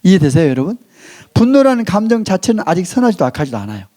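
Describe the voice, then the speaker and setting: A male pastor preaching a sermon in a church, who leads the congregation in reading aloud and slows down to stress key phrases before dropping his voice. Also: high voice, very animated, mellow.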